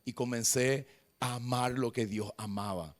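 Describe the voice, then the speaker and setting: A male pastor preaching a sermon in church, telling a personal story and tagging his sentences with a questioning "right?", moving between loud exclamations and hushed confessional passages. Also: medium pitch, steady tone, a little slow. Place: church service before a congregation.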